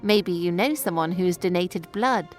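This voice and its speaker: Clear woman explaining a poem. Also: on the low side, measured pace, soft background music. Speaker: tutor. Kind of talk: scripted educational narration.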